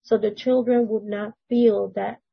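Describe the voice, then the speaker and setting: A woman at a church meeting earnestly explaining her view, often pausing and searching for words. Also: medium pitch, fairly even intonation, gravelly, husky, no room sound. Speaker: church member. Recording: dry, dull lo-fi recording.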